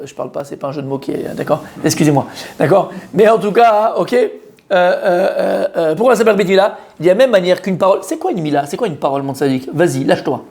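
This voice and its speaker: A man's voice: high-pitched, darkish tone. A man, a rabbi, giving an informal Torah lesson to a live group, talking straight to his listeners and repeating key words with many fillers. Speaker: rabbi teaching a Torah class.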